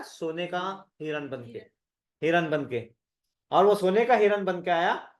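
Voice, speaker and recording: A man with a notably high-pitched, fairly bright voice leads an interactive scripture study group. His style is loose and conversational, and he keeps quizzing his listeners and repeating words for emphasis.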